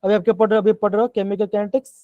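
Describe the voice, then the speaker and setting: A man's voice: high-pitched, level tone, rapid-fire, no room sound, narrow, tinny audio. Male online chemistry teacher, coaxing tone. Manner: coaxing, repeats "bachchon" and "theek hai". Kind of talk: live online class in Hindi-English mix.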